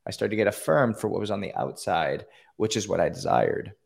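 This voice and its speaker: Gravelly, low-voiced Canadian-born man. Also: big pitch swings, a little fast. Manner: earnest, with many fillers and restarts. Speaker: podcast guest. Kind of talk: personal story in an interview. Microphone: call-in line.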